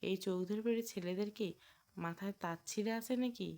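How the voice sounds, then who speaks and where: A sharp-tongued young college girl with a short fuse , voiced by a woman reading the story. She scolds and trades insults quickly, then slides into gossipy chatter with her friend. It is a narrator's reading, close to her own voice. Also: mid-range voice, natural voice. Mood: chatty. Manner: irritated, scolding.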